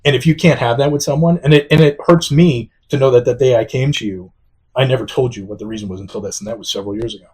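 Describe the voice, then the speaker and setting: Male podcast host, husky slightly breathy tone, halting candid delivery full of restarts, mid-range pitch. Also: a little mellow. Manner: halting, frequent restarts and fillers; self-described sarcastic. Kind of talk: candid casual chat.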